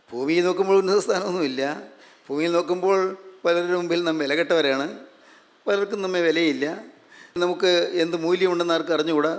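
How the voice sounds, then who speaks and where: A man preaching a sermon, repeating phrases and asking rhetorical questions. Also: high-pitched. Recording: long hall reverb.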